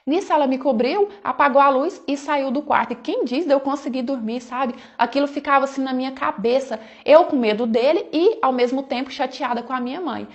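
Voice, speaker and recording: Woman, Brazilian Portuguese accent, high voice, casual storytime narration, chatty fillers, slightly muffled audio. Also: fairly quick, hardly any pauses. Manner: chatty, conversational, often adds "né" and "falou assim".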